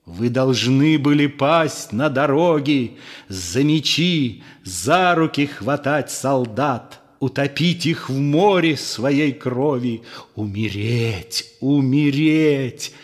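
A man's voice: mid-range voice, animated, takes it slowly. Man voicing Judas, bitter scornful disciple. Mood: furious. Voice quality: fervent, accusing, sharply mocking. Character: bitter, scornful male disciple, fiercely passionate. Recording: long room reverb.

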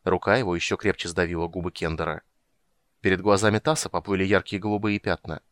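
A man narrating a fantasy audiobook with expressive storytelling. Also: low voice, quick pace, no room sound, studio quality. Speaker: audiobook reader. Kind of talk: scripted narration.

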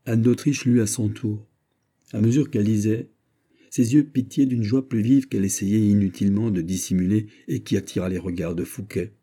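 A man reading a classic novel aloud as audiobook narration, in a steady, even way. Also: fairly low pitch, moderate pace. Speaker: audiobook reader. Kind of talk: scripted narration.

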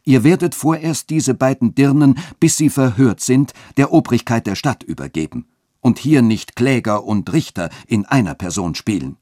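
A respected magistrate, played by a male reader in a radio story speaks in a measured, firm way with a sharp edge. The voice is low and the sound is dry and close. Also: animated, no room sound.

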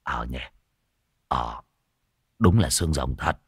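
A man voicing a slow-witted gang member who mumbles low and dazed. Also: expressive, husky, no room sound, clean studio sound, exaggerated voice. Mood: puzzled.

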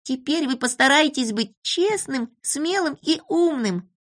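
A storybook reader voicing a kind little girl who gently coaxes and comforts. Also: high voice, animated, a little slow, pitched above the performer's own voice. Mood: coaxing. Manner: soft, coaxing, persuasive.

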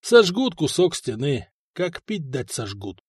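A man voicing a weary, blunt soldier who speaks low and fatalistic, in a storybook reading. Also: sing-song, measured pace, a little mellow, slightly rough, no room sound, studio quality, full character voice. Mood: gloomy. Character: weary grim male soldier, blunt and gloomy.

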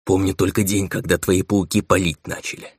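A man's voice: deep voice, level tone, a little fast, slightly rough, dry recording, clean studio sound. A man voicing a loyal, impulsive young soldier who speaks urgently in an audiobook. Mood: defensive.

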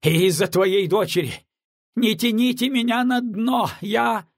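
A man doing a shrill, panicky drunk captain. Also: measured pace, no room sound, studio quality. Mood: panicked shouting. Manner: whiny, mumbling, then shrill panicked shouting. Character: drunken cowardly young male army captain. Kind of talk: audiobook character voice.

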